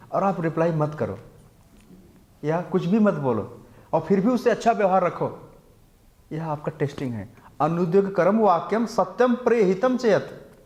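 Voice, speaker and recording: A man's voice: on the high side, darkish tone. A man giving a lecture on scripture in a temple class, explaining Sanskrit verses, asking the listeners rhetorical questions and mixing English words into his Hindi. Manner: chants Sanskrit verses slowly. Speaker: temple speaker teaching scripture.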